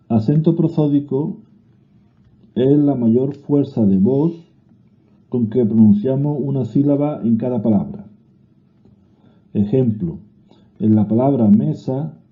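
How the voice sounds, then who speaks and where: A teacher with a Spanish accent reads a grammar lesson aloud slowly and deliberately, occasionally restarting a word. His voice is middle-pitched, and the recording is thin and narrow-band, like a phone line.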